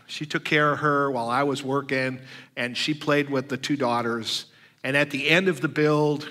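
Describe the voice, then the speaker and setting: An older man preaching a sermon, telling stories with lively acted-out dialogue and frequent fillers. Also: fairly high pitch, big-room sound. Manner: animated storyteller who acts out quoted dialogue. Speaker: guest preacher. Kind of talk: sermon storytelling.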